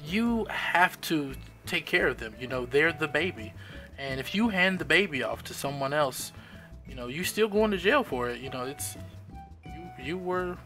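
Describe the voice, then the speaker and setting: On a live stream, a man with a rather high, sharp-toned voice tells stories in a casual chat. He's emphatic and doesn't hold back on the swearing.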